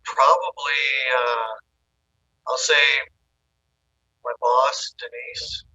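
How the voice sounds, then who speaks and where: A man speaking as a podcast guest with hesitant, halting speech full of ums, his voice tinny and thin with no bass, from a phone held at a distance. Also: pushed and bright, slightly rough, no room sound. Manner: hesitant, with frequent ums and restarts. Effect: tinny, thin audio with no bass. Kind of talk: casual remote conversation.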